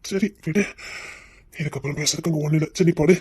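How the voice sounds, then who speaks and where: A man's voice: on the high side, fairly even intonation, a little fast, mellow, breathy edge. A man teasing his wife in a casual couple chat, stalling and holding back laughter. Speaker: husband in a couple vlog.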